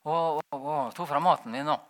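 A man giving a rambling, animated personal testimony, laughing as he tells it. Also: a little high. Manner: animated, rambling, frequent "vet du" tag; laughs while telling. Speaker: testimony speaker.

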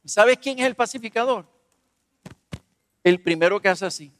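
Here a preacher with a high-pitched voice talks at normal speed, sharing personal tales with humor. He's animated and keeps quizzing the congregation. The recording is dry, yet a long reverb tail trails behind.

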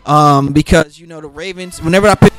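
Sounding somewhat sick, a man hosts a casual solo podcast of football picks at a brisk pace. His voice is raspy, worn down, and slightly high for a man; he wanders loosely, restarting sentences and saying "um" a lot, with faint music behind him.

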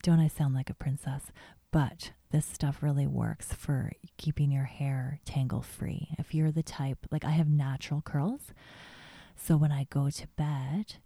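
A woman whispering casual beauty and hair tips in a gentle, chatty ASMR vlog, often trailing off mid-thought. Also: deep voice, steady tone, a little slow, creaky, slightly rough, no room sound. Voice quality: soft whisper. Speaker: beauty vlogger.

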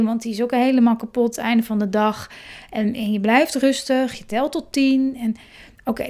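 A woman in her thirties talks through a reflective monologue as a parenting coach. Her voice sits a little high, and she speaks calmly and earnestly, often stumbling and restarting her words as she thinks aloud. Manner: calm, earnest, often restarts words and acts out inner thoughts.

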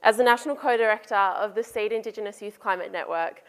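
Young Australian woman, early 20s, campaign speaker addressing a room, earnest and measured, hall reverb. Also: mid-range voice. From north coast of New South Wales, Australia. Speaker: youth climate campaigner and speaker. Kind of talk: public speech to a live audience. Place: large room in front of an audience.

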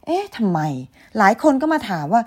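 Patient woman teacher spelling words slowly. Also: on the high side, sing-song, a little mellow, slightly rough. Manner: patient, ends phrases with polite particles, spells letters slowly. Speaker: English teacher. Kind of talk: explaining grammar and spelling out words.

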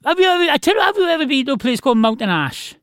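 A man's voice: very high voice, very animated, very fast, fairly bright tone, no room sound, clean studio sound. A man from the South Wales Valleys with a local accent, hosting a casual interview in an effusive, matey, rambling way. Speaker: radio host, interviewer.

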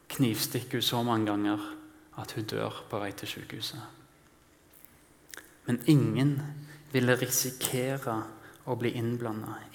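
Man preaching in a reverberant hall. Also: mid-range voice. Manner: dramatic, swinging from loud emphasis to hushed near-whispers. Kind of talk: sermon. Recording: long reverb of a large hall.

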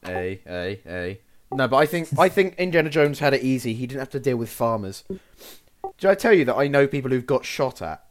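Man, archaeologist co-host, excitable, restarts sentences. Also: mid-range voice, brisk, slight background noise. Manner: excitable, laughs often, trailing restarts. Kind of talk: casual chat.

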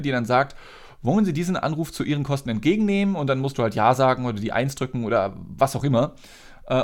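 A man hosting a podcast, telling a story in a casual, joking and sarcastic way. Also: medium pitch. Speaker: podcast host.

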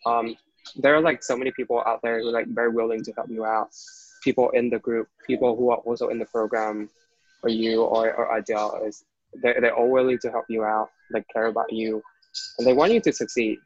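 A man's voice: mid-range voice, level tone, brisk, dry recording. A young man from Vietnam, a guest in a casual interview, talking hesitantly with many restarts and fillers. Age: young adult. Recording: dull, dry recording.

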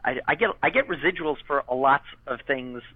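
Heard through thin, phone-like audio, this interview guest, who voiced a character as a boy, rambles casually with frequent fillers and restarts. His medium-pitched voice has a breathy edge, his pace is fairly quick, and the recording is dry.

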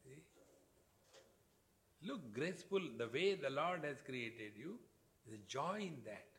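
Male spiritual teacher, Indian accent, discourse delivery in short emphatic phrases, medium-pitched voice. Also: lively intonation, a little slow, fairly bright tone. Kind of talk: spiritual discourse with Sanskrit verse.

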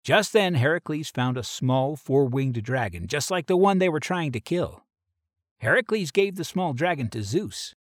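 A man's voice: a little high, lively intonation, moderate pace, no room sound, studio quality. A man reading an adventure story aloud in a plain storybook manner.

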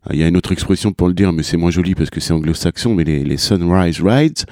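Brief: male podcast host, very low and dark voice, rambling with fillers and restarts. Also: fast, dry recording, studio quality. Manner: rambling, many fillers and repeated words. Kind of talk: casual interview chat.

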